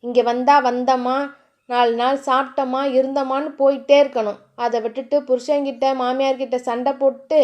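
A woman voicing a harsh older brother who talks fast and scolds bluntly. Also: high voice, flat delivery, darkish tone, natural voice. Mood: scornful. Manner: brusque, rapid and scolding.

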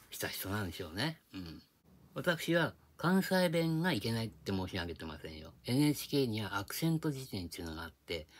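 A man hosting his own video channel, talking in a casual rambling monologue and explaining his points with rhetorical questions, recorded on a tablet microphone. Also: fairly low pitch.

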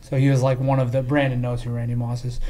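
A man's voice: mid-range voice, level tone, fast, dark tone, slight background noise. Man, American accent, podcast host, laughs a lot, teasing, casual chat.

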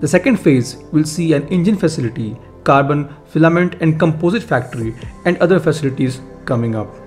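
A man's voice: a little high, a little fast. Man reading defense news. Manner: steady read-aloud delivery, lists of facts. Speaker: defense news channel host. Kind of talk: scripted news narration. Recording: faint music bed behind voice. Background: faint background music.

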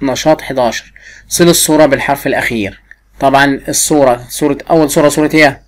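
A woman teacher with an Egyptian Arabic accent, giving a first-grade lesson and drilling a pupil with repeated questions while drawing words out slowly. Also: very deep voice. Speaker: primary school teacher.

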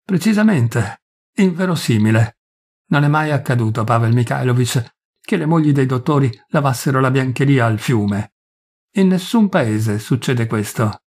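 A tormented young village priest pours out his shame in pleading, self-accusing confessions, as a man reads him aloud. The voice is gravelly and husky. It suits a spoken-word story reading. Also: medium pitch, lively intonation, normal speed, a little mellow. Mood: anguished. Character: poor young village priest, ashamed and anguished.

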